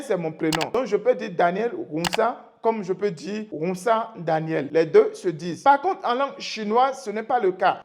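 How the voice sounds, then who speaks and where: High-voiced man teaching patiently. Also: a little hiss or hum. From Benin. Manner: patient, repeats and spells out example phrases slowly. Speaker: Chinese language teacher. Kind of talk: explanatory language lesson. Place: room with a whiteboard.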